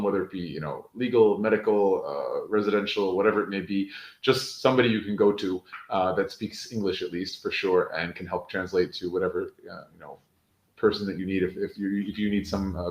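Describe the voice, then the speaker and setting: An American man with a lowish voice explains things in a relaxed, fluent way. His voice carries a noticeable room echo, as if he were on a video call from a bare room. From United States. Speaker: panel speaker, former student affairs officer. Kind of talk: webinar panel talk. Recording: roomy echo.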